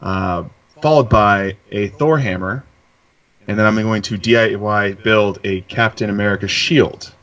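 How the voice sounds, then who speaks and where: Man, lowish voice, casual conversation, slightly muffled lo-fi recording. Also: measured pace, a bit bright, distant mic. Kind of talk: casual chat. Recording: dull lo-fi voice chat audio.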